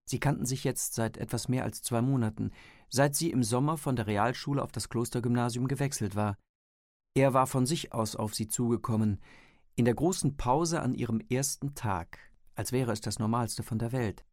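A man reads a novel aloud in measured, scripted storytelling. His voice sits in an ordinary male register, recorded dry and close. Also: mid-range voice, darkish tone, no room sound. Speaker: audiobook narrator. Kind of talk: scripted narration.

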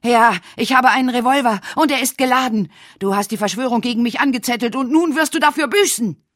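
A woman voicing an enraged young man who screams threats in a rant, her voice pushed far above her own pitch and loud. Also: fairly quick, dry recording, clean studio sound, natural voice. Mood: furious. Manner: screaming, ranting.

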